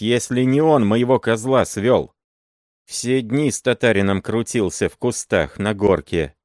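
A vengeful old woman hurls fierce, shrill curses, as a male reader puts her on. The voice sits well above a man's usual register and rings out loud. The recording is dry and close. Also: no echo, lightly acted.

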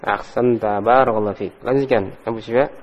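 A man's voice: lowish voice, steady tone, brisk, lo-fi sound. A man teaching an Arabic grammar lesson, patiently correcting students and praising them often. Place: mosque study hall. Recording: long hall reverb.

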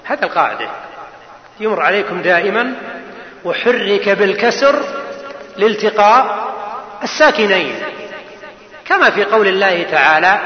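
Sheikh, high-pitched, giving a grammar lecture to students; long-reverb hall, muffled recording. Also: male voice. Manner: rhetorical questions, checking students follow. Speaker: sheikh teaching Arabic grammar. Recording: echoey hall, dull lo-fi sound.

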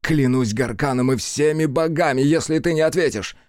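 A raging warrior leader from a fantasy audiobook who shouts at a traitor, his voice lifted high and loud, as a male reader acts him out. the sound is dry and close. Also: moderate pace, no room sound, lightly acted. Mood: furious. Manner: shouting in rage. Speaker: audiobook narrator.

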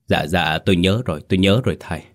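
Man reading a humble middle-aged father, choked and pleading, low voice, storybook. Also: fast talker, natural voice. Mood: shaken.

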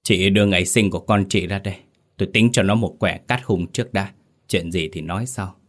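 A man voicing a calm, measured male sorcerer-healer who speaks gravely. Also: low voice.

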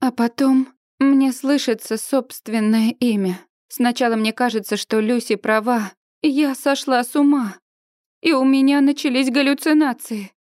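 Audiobook narrator, woman, higher voice, emotive read, dry close studio sound. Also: unhurried, dry recording. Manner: emotive, expressive storytelling. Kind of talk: first-person novel narration.

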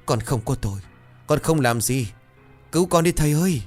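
A man's voice: medium pitch, moderate pace, darkish tone, faint music behind, voice pushed up, natural voice. A man voicing a frightened eight-year-old boy who sobs and pleads in a small, childlike voice. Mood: frightened pleading. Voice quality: childlike, tearful.

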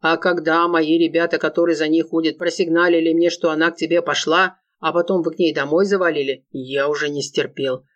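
An audiobook reader voicing a crude, jealous male gangster boss who makes gruff, slangy threats. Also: medium pitch, flat delivery, brisk, few pauses, lo-fi sound, natural voice. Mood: grudging. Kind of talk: audiobook reading.

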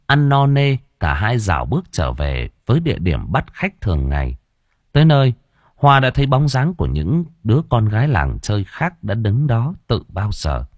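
A man's voice: fairly low pitch, very animated, normal speed, dry recording, clean studio sound. A man narrating an audiobook story, reading expressively and acting out the dialogue. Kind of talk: storytelling narration with character voices.

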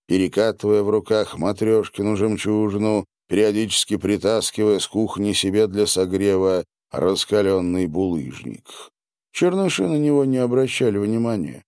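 A man narrating an audiobook in a measured, expressive reading. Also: lowish voice, smooth, dry recording, clean studio sound. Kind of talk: scripted narration.

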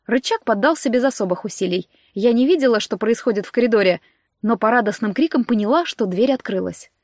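A woman narrating a fantasy audiobook in the first person, in a steady, expressive storytelling manner, on a close microphone. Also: a little high, a little fast, no room sound.

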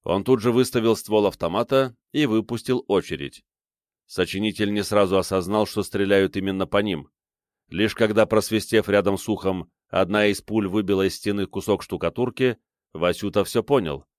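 A man's voice: lowish voice, moderate pace, no room sound, clean studio sound. A man narrating an audiobook in scripted narration, reading expressively.

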